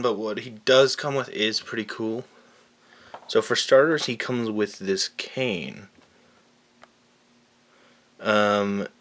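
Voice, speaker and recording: A man casually reviewing an action figure, chatty and relaxed, with lots of fillers and a little out of breath. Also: deep voice. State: slightly out of breath. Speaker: toy reviewer. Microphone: camera mic on tripod.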